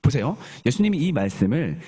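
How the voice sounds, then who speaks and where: A male pastor preaching a sermon in a church, animated and often asking the congregation questions. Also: medium pitch, fairly quick, breathy edge.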